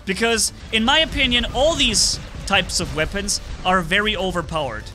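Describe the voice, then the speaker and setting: Bright excited male game streamer. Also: sits high, moderate pace, slight background noise. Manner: excited play-by-play with sound effects. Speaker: gaming streamer. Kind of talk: live gameplay commentary.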